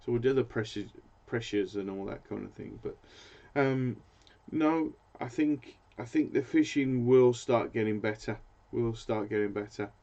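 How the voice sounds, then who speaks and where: A man's voice: mid-range voice, moderate pace, gravelly, few pauses, dark tone. A British man hosting a fishing channel, chatting casually in a live stream and rambling as he hunts for words. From Britain. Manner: rambling, hesitant, searches for words. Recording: dull lo-fi sound.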